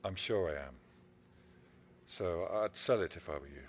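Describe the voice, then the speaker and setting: An actor playing an ordinary, attentive husband in a naturalistic drama, soothing and slightly hesitant. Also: male voice, low voice, normal speed, slight background noise, lightly acted. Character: attentive, placating husband, an ordinary office worker.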